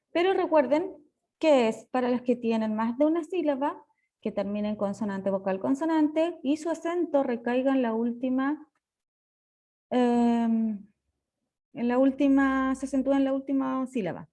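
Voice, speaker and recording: A woman English teacher with a Chilean Spanish accent, patiently explaining grammar rules step by step and slowing down on key points. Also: high-pitched, mellow. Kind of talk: recorded lesson explanation.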